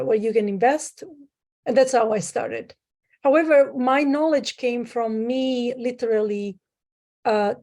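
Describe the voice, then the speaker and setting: Joining over a remote call, a woman from Sicily, Italy, is interviewed casually as a guest who works as a private lender. Her warm voice sits a bit high, and her plain speech is hesitant, often stopping to search for words and filling the gaps with ums and uhs.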